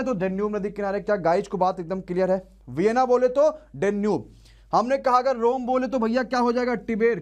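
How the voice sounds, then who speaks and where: High-voiced man drilling exam questions. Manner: energetic call-and-response drilling, quizzing students. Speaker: exam coaching teacher. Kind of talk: live online class.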